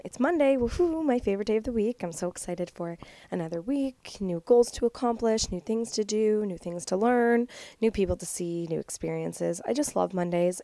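A young woman in her twenties hosts a casual solo podcast in a lowish, mellow voice on a dry recording. Stuffed up and nasal from a cold, she's still chatty and upbeat, saying "like" a lot.

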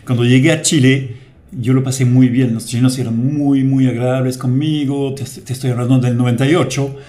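A man from France, French his first language, talks easily as a radio guest, pausing often with little fillers. His voice sits in an ordinary middle pitch. He sounds like a studio interview. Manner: relaxed, chatty, many hesitations. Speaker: guest, company director.

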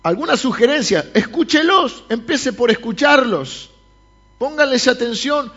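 A pastor with a Rioplatense Spanish accent preaches a sermon at a church service, addressing his congregation directly. His voice is a little high and expressive, fairly bright in tone, delivered at normal speed. The audio is dull.

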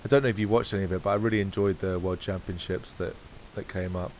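Guy with a lowish voice rambling on a podcast, bit of hiss in the background. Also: quick pace, low-quality recording. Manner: rambling, self-correcting, relaxed. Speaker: podcast co-host. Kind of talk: casual chat.

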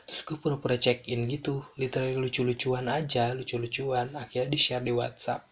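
A young man telling a personal story in casual slang, animated and dropping in English phrases. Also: medium pitch, fairly quick, a little hiss or hum.

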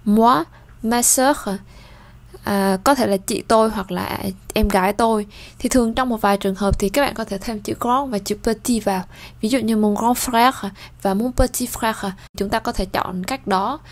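A woman teaching a language lesson, slowly pronouncing French vocabulary and then explaining it in plain, steady talk. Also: fairly high pitch.

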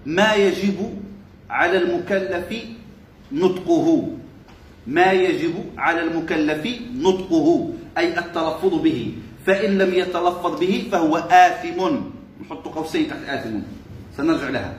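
A man's voice: on the high side, moderate pace, echoey room, a little hiss or hum. A male religious teacher giving a classroom lesson, repeating key phrases and quizzing his listeners with short questions.

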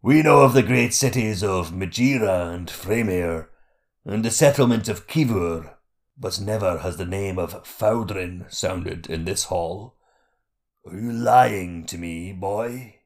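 A man voicing a large, fat monster king who speaks in a slow, mocking, menacing way. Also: sits low, gravelly, full character voice. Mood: sly mocking.

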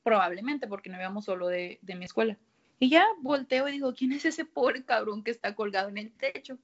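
A woman's voice: a little high, brisk. A young woman with a Mexican accent, chatting casually and telling her side of a story in slang. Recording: dull lo-fi sound.

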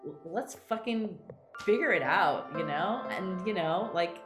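A woman playwright, a guest in an interview, speaks in a lowish voice, a little slowly, with reverb and music underneath. She talks candidly and animatedly, acting out quoted voices and restarting her sentences often.

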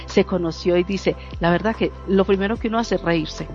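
A woman chatting casually, telling a warm personal story with laughter and mimicked dialogue. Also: lowish voice, a little fast. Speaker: guest sharing a story. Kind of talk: casual chat. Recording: slightly dull lo-fi audio, faint music.

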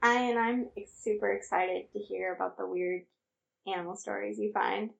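A woman's voice: medium pitch, steady tone, moderate pace, vocal fry. A young woman co-hosting a casual podcast, earnestly explaining animal facts with small laughs. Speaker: podcast co-host.

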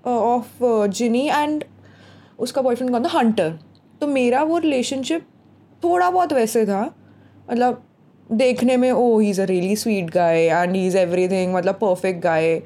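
Young woman, podcast co-host, chatty and teasing, slightly high, mellow voice. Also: slow. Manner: chatty, mixes Hindi and English, teasing. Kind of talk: casual chat.

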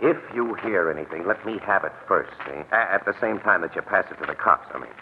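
A man's voice: low voice, fairly quick, lightly acted. An American man playing a streetwise, easygoing newspaper photographer with casual slang in 1940s radio drama style. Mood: confiding. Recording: tinny, noisy old radio recording.

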